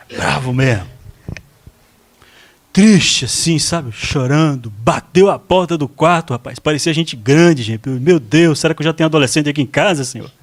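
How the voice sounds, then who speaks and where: A Brazilian man preaching a storytelling sermon in church, chatting directly with the congregation. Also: fairly high pitch. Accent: Brazilian Portuguese. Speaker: pastor.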